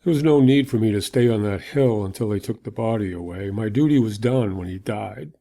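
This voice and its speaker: A man's voice: on the low side, fairly quick, warm tone. A man playing a weary Roman soldier in a dramatic monologue, telling his story in a reflective, conversational way. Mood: awed, reflective. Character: weary Roman soldier recounting an execution, awed.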